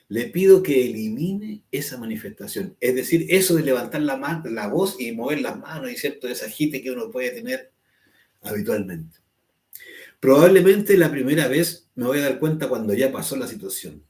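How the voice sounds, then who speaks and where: A man's voice: medium pitch, darkish tone. A man teaching an online spiritual class, explaining patiently, acting out angry quotes, and checking "right?" with his listeners. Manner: explanatory, acts out angry quotes, asks "¿cierto?" often. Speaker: spiritual course instructor. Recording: echoey room.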